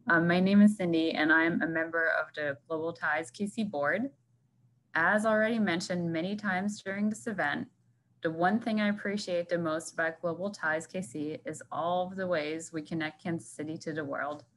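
A woman's voice: fairly low pitch, steady tone, normal speed, fairly bright tone, low-quality recording. A woman board member giving an upbeat prepared speech at an online event, from a construction site. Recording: faint construction background noise.

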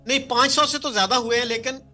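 An older man talks into a headset from a video call, his voice unusually high and very bright, almost sharp. He tells anecdotes and drops in English phrases, with faint music in the background. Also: fairly even intonation, fast talker. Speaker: panelist. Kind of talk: anecdotal chat mixing in English.

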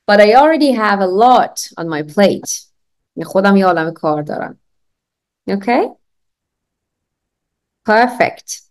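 A woman teaching an online English lesson, drilling phrases for repetition, slowing down to model them clearly and laughing often. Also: medium pitch, darkish tone.

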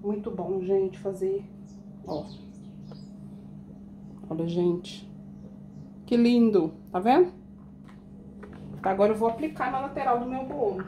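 A woman's voice: mid-range voice, slow pace, long pauses, background noise. A woman chatting to her viewers while decorating a cake in her home kitchen, explaining each step. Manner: chatty, addresses viewers as "gente". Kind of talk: casual baking tutorial.

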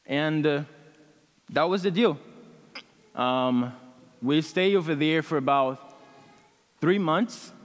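A congregation in a large church hall hears a personal testimony from a Brazilian student in his twenties who speaks Portuguese natively. Over his headset mic, his voice runs on the high side, earnest but halting and packed with fillers.

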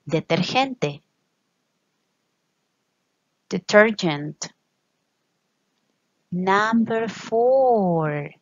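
A woman teaching children in a bilingual lesson, her voice soft and a little breathy. She stretches out each English word slowly and lets her pitch swing widely. The recording is dry and somewhat dull. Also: no room sound. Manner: slow, drawn-out English words, quick Spanish explanations; addresses the children often and checks with a frequent "ok?".

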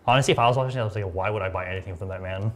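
A man's voice: lowish voice, very fast. A man in his thirties, a makeup artist hosting a beauty livestream, chatting and teasing casually in a studio. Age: 30s. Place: bright studio set.

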